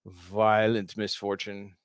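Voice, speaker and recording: A man co-hosting a casual podcast, cracking dry, deadpan quips. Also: lowish voice, slow pace, smooth, no room sound. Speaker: podcast co-host. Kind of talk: casual chat.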